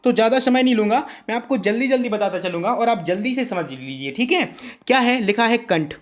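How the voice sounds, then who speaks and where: A man's voice: sits high, animated. Male teacher checking in with students. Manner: keeps checking in with listeners, repeats sounds slowly for them. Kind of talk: exam-prep grammar lesson.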